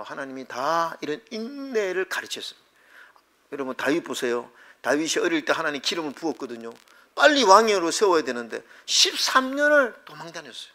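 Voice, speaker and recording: A pastor delivering a Sunday sermon in a church, swinging from loud impassioned cries to hushed whispers. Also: male voice, a little high. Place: church sanctuary.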